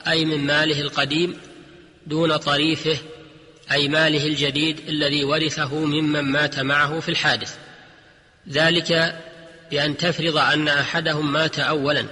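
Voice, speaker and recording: A man delivering a formal, scripted religious radio lecture in measured classical Standard Arabic. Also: a little high, bright, forceful tone. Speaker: radio lecturer on Islamic jurisprudence. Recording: long hall-like reverb.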